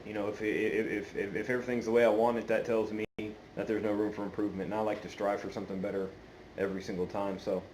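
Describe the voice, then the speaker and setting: Male hobby vlogger, lowish pitch, hesitant rambling conversational delivery, noisy homemade phone audio. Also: flat delivery, darkish tone. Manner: hesitant, meandering, halting delivery. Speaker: pipe-smoking video channel host. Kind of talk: casual unscripted chat to viewers. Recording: clearly noisy amateur phone recording.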